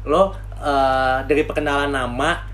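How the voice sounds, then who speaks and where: A man's voice: medium pitch, fairly even intonation, measured pace, fairly bright tone, a little hiss or hum. A young man who has trouble pronouncing his R's, chatting casually as a podcast host. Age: young adult. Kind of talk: casual bantering chat.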